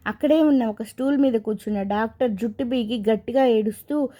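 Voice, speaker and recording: A woman voicing a grieving young married man haunted by his past, told slowly and from the heart. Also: fairly high pitch, warm tone, natural voice.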